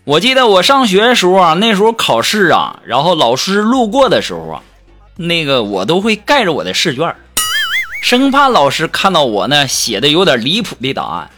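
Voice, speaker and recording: A man's voice: fairly high pitch, wildly swooping pitch, normal speed. A man telling cheeky comic stories, laughing at his own jokes. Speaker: comic storyteller. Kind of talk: humorous monologue. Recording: music behind the voice.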